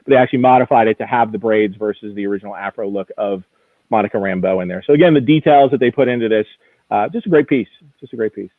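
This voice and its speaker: Speaking quickly in a lowish register, this man is a guest expert from an auction house who chats enthusiastically about collectibles he's previewing on live TV. There's no room echo, and the audio is thin and phone-like, like radio.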